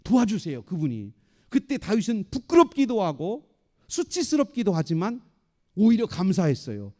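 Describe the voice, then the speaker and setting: Lively, mellow-voiced male pastor preaching. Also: high voice, normal speed. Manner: animated preaching, acting out quoted voices. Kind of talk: sermon.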